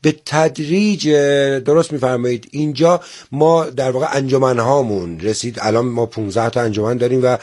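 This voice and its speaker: A man's voice: mid-range voice, darkish tone. Formal man talking as a studio guest. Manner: polite and formal, often restarting phrases. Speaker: guest, theater organizer.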